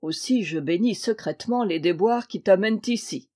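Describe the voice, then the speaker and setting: A bored, tight-fisted old landowner who needles his nephew in a dry, gruff way, read by a woman in an audiobook. The voice stays mellow and warm, raised a little when he scolds. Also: mid-range voice, normal speed, natural voice. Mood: dry teasing. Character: rich, stingy, bored older Russian landowner uncle. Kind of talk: audiobook reading.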